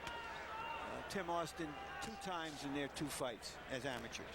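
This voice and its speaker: A man's voice: fairly high pitch, a little slow, vocal fry. A man giving live boxing commentary from ringside. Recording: loud crowd and arena noise behind.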